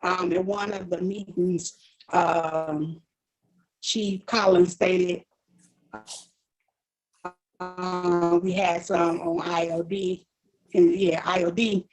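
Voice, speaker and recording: A woman's voice: lowish voice, little pitch movement, slow, long pauses, faint music behind, poor audio. Woman trustee on a call breaking up. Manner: hesitant, hedging with um and I believe. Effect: connection breaking up, audio dropping in and out. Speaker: village trustee. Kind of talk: board meeting discussion on a video call. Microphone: video call.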